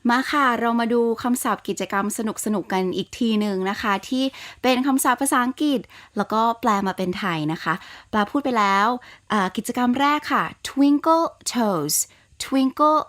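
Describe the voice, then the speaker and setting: A woman with a Thai accent hosting a podcast, speaking politely and encouragingly, and saying English words slowly and carefully. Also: mid-range voice. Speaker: podcast host. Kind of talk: scripted podcast talk.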